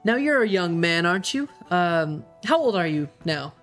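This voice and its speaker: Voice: medium pitch, big pitch swings, moderate pace, fairly bright tone, faint music behind. A game master voicing a nosy, folksy male farmer merchant who asks probing questions in a small-town way.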